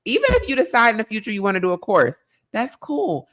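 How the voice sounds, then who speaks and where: A woman talking in a relaxed interview, coaching with a firm, direct push. She drops casual slang and keeps pressing for an answer. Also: on the high side, fast. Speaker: guest business coach.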